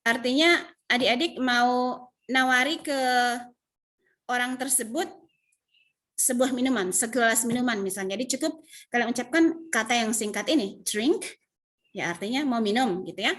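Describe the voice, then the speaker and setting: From her home, a woman from Indonesia gives an online English class via video call, speaking with an Indonesian accent. Her slightly high, somewhat bright voice moves at a moderate pace as she patiently repeats and explains English phrases.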